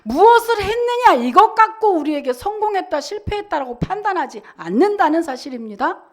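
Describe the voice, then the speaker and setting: A woman's voice: extremely high pitch, big pitch swings, fairly quick. A woman pastor giving a Sunday sermon, talking to the congregation in a conversational way and asking many rhetorical questions.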